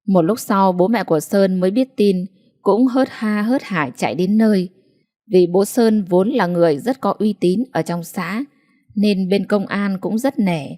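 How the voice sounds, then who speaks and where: A woman reading a scripted village drama story aloud, steady and even. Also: mid-range voice.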